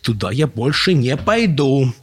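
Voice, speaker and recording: Man voicing a fearful storybook fox cub, whiny, husky and a bit raspy. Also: mid-range voice, lively intonation, moderate pace, no room sound, voice pushed up. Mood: grumpy, whiny. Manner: whiny, stammering. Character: hungry young male fox, whiny and fearful. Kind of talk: audiobook storytelling.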